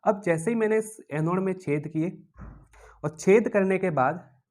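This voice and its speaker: A man's voice: high voice, measured pace. A man with an Indian accent teaching physics in a classroom lecture, repeating key terms as questions to the class and acting out objects as characters in playful stories. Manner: animated, acts out objects as characters.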